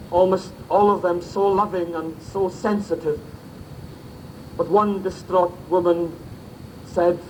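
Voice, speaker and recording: Male minister preaching slow and solemn, kinda high voice, faint hiss from an old cassette tape. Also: a little mellow, poor audio. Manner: slow, grave and solemn, with emphatic pauses. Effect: faint tape hiss of an old cassette recording. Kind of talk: sermon at a memorial service.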